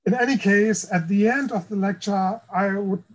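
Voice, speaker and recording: A man with a German accent gives a formal academic lecture. His voice sits high for a man, and he speaks carefully and deliberately. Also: rough recording. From East Germany. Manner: careful, measured delivery. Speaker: guest lecturer.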